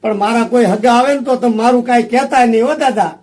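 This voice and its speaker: A man's voice: very high-pitched, fairly even intonation, fast talker, darkish tone, roomy sound, poor audio. A man playing a put-upon young village lad in a comedy skit, with a plaintive, pleading way of speaking. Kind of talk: amateur comedy film acting.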